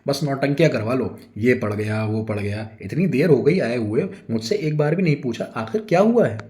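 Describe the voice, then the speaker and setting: A man voicing an angry middle-aged housewife who scolds her husband in loud, shrill complaints. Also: animated, a little fast, natural voice. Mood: furious scolding.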